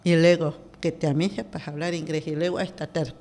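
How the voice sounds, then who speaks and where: A woman's voice: low voice, flat delivery, normal speed, a little mellow. Woman, podcast guest, hesitant, many fillers and restarts. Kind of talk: casual interview talk.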